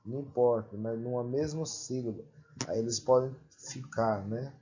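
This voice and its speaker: A male teacher giving a grammar lesson, repeating and drawing out example words slowly and deliberately. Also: medium pitch, mellow, dull audio.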